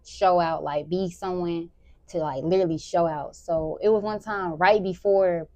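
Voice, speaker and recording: A teenage girl, a high school sprinter answering interview questions in a relaxed, rambling way. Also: moderate pace, dry recording. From Memphis, Tennessee. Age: teens. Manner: relaxed, rambling, many "like" fillers.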